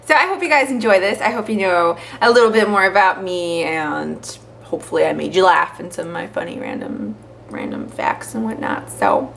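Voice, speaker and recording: A young woman chatting to the camera as a vlogger, telling stories with lots of fillers in an animated way. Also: medium pitch, vocal fry, a little hiss or hum. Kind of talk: casual chat to camera.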